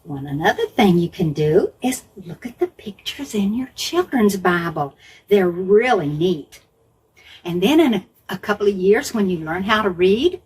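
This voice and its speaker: With a husky, mid-range voice, a woman tells Bible stories to young children in simple phrases, repeating words for emphasis and asking her listeners questions. Faint background noise can be heard.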